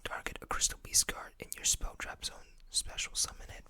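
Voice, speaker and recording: An ASMR host whispers breathily and without voicing, close to the mic, reading text aloud unhurriedly with casual asides. The delivery is a little fast, with a bright, forceful tone.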